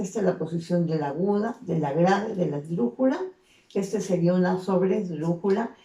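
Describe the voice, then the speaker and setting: Female teacher, gravelly tone, patient step-by-step explainer, recorded from a distance. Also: lowish voice, dark tone, highs cut off. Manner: patient explaining, frequent tag questions. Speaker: secondary school teacher. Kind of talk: recorded grammar lesson. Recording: echoey room, voice off the mic.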